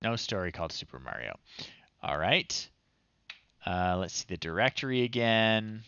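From a small room in his home, a man in his thirties livestreams himself trying old software, offering casual commentary and muttering short phrases as he thinks aloud. His low voice is sing-song at normal speed, pushed and bright with a clean tone, with no room sound and a lo-fi quality.

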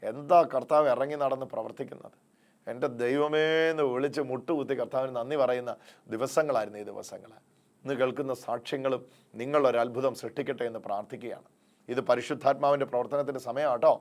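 A man's voice: medium pitch, fairly even intonation, fast talker, darkish tone. A man preaching and praying aloud at a healing service in a large hall, calling out to the congregation in a fervent manner. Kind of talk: charismatic preaching and prayer.

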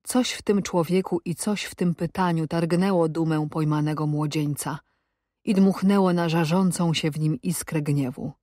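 A woman narrating an audiobook in a measured, even storytelling manner. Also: sits low, no echo, clean studio sound. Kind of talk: scripted narration.

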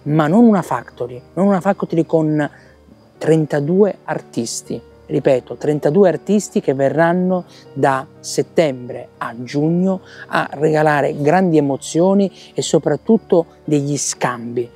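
A man's voice: fairly high pitch, a little slow, dark tone, slightly rough, soft background music. A man, earnestly presenting his theatre project outdoors at night, with many fillers and restarts. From Italy. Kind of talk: promotional interview. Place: outdoor town square at night. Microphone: lapel mic.

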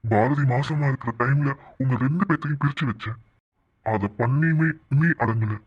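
A man voicing a gloating male villain in a cartoon, taunting his rival with slow, sneering threats. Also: medium pitch, slightly rough, close to an everyday voice. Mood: menacing. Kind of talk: cartoon voice acting. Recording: dull lo-fi recording.

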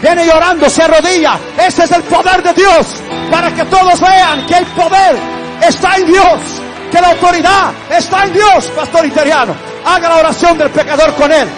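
A man preaching an altar call, pleading with listeners and then praising loudly. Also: very high voice, steady tone, normal speed. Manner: pleading, then exultant and shouting. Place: large church hall. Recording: reverberant hall with music and congregation.

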